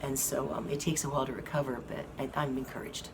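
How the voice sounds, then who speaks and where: A hoarse, very deep-voiced woman delivers a casual health update to her viewers, her delivery flat. The talk is slow and halting with frequent fillers, recorded in a noisy hospital rehab room where an air conditioning fan hums.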